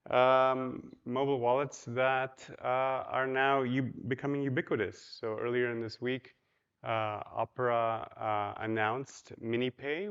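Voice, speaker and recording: Speaking to a large hotel ballroom, a man from Poland delivers a chatty, casual conference talk, asking the audience questions and filling gaps with ums and you-knows. His medium-pitched tone is clean and a bit bright, but the audio sounds dull.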